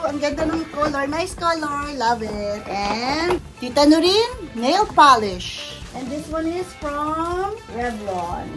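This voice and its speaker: A woman's voice: high voice, big pitch swings, slow, hardly any pauses, music in the background. A middle-aged woman with a Filipino accent chatting effusively while unboxing gifts, switching between English and Tagalog. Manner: effusive, mixes English and Tagalog, thanks gift-givers. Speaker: vlogger. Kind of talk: casual unboxing chat.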